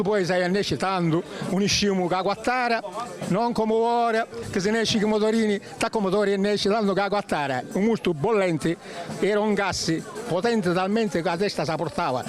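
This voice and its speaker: An older man with a Sicilian accent, explaining traditional work in casual dialect, halting and repeating himself. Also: sits high. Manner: halting, repetitive, colloquial explanations. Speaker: traditional winemaker recalling his work.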